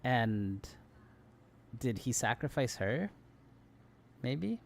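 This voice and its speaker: A man with a noticeably creaky, gravelly voice talks casually through a video game. He thinks out loud, often puzzling over things in questions. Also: mid-range voice, sing-song, extremely slow, slight background noise. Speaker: gamer commenting on a playthrough. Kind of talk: casual game commentary with read-aloud text.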